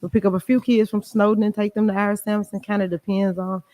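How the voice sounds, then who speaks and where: A woman, a youth club director calmly explaining her programs as a guest on a podcast. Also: medium pitch, fast talker, rough recording. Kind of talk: podcast interview.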